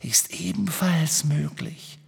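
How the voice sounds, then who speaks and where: A man voicing a menacing male spirit trapped in a locket, speaking in slow hissing whispers. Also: fairly high pitch, steady tone, creaky, husky, long reverb tail, voice pushed up, full character voice. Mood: hissing, taunting.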